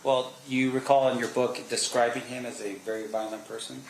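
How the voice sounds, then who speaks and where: A man doing a courtroom cross examination as an attorney, asking probing, leading questions with halting pauses. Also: medium pitch, level tone, gravelly. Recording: roomy echo, faint background noise.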